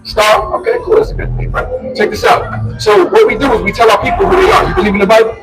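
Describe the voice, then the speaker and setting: A man's voice: sits high, very animated, fast, distant mic, over music, low-quality recording. A man preaching in the street, emphatic, pressing listeners to answer him back.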